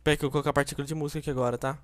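A man doing rapid, jokey gameplay commentary. His voice sits a bit high, and he talks quickly and excitedly. It sounds like a casual recording session with a friend. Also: slight background noise. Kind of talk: casual let's play chat.

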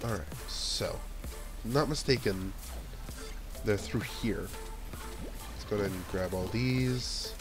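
This let's play gamer has a fairly low voice, a blocked-up nose, and a slow delivery full of long pauses. Over the game's background music, he chats casually and ponders aloud what to do next.

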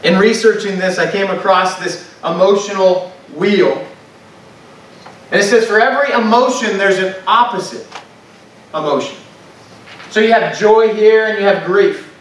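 A man's voice: sits high, a little slow, pauses often. A man preaching a sermon to a congregation, talking in a conversational way and asking the room questions. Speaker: pastor. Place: church sanctuary. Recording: echoey church sound from a distant mic.

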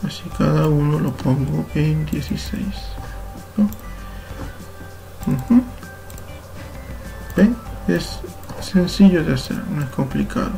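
A young man with a Peruvian Spanish accent, a computer teacher patiently walking through a software tutorial step by step, correcting himself as he goes. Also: fairly high pitch, slow pace, creaky, pauses often, faint music behind. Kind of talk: screen-recorded software tutorial.

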